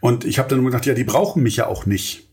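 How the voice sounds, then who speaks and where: A man's voice: mid-range voice, fast, a little mellow. A middle-aged man hosting a solo podcast about entrepreneurship, talking earnestly and motivationally straight to his listeners.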